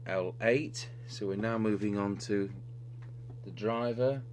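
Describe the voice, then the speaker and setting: This man's lowish, darkish voice takes things slowly as he works on a radio repair. Speaking somewhat hesitantly, he explains each step of his unscripted, hands-on demo at an indoor repair bench, where clear noise and electrical hum fill the recording.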